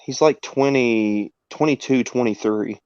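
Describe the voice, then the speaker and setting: A young man in his twenties chats casually as a podcast host and slips into animated storytelling. His voice sits at a middle pitch. The recording is dry and a little dull. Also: unhurried, clear, resonant tone, no echo. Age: 20s. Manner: storytelling, laughs through anecdotes. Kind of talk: casual chat.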